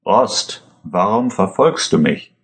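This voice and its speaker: A man's voice: on the low side, lively intonation, slow. A man voicing a wounded, cornered male robber who pleads. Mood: pleading.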